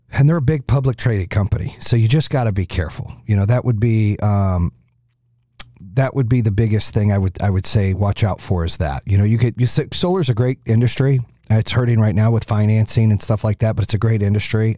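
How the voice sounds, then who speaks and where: A man's voice: lowish voice, dark tone, no echo. A middle-aged man hosting his own podcast, talking on his own in a blunt, profane, rambling way with lots of fillers, close to the mic. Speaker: podcast host. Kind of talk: casual solo podcast talk. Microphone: close studio mic.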